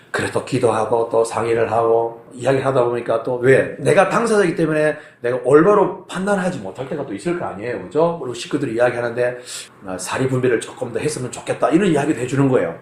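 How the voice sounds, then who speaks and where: A man's voice: medium pitch, fast talker. A male pastor preaching a sermon, telling a personal story with animation and acting out the people in it. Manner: animated storytelling, acts out phone arguments. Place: church sanctuary. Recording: echoey church hall.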